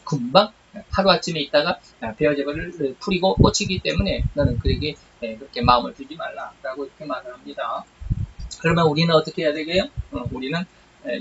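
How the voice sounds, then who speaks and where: High-voiced man teaching doctrine, chatty. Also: fairly bright tone. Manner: chatty, halting, with frequent fillers and self-corrections. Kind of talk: conversational doctrine lecture. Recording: dull lo-fi recording with faint hiss.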